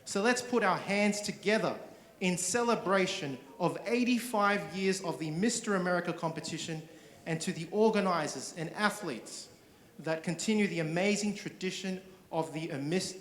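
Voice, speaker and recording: A man reading a formal scripted tribute to an audience at an event venue, measured in delivery, over an echoey sound system. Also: high voice, fairly bright tone. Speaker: event speaker. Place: large indoor event venue.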